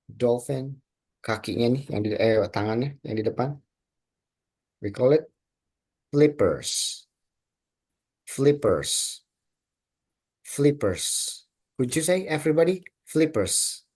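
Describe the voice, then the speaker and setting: A man's voice: medium pitch, expressive, moderate pace, dark tone. A male teacher with an Indonesian accent, leading a children's vocabulary lesson and drilling words for the class to repeat. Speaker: English teacher.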